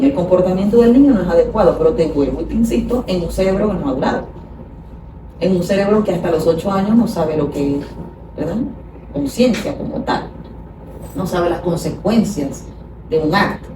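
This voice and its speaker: A child psychologist, appearing as a guest, explains things conversationally in a fairly low, expressive, brisk voice, patiently acting out how parents scold. She is far from the mic in an echoey room, and the recording is noisy.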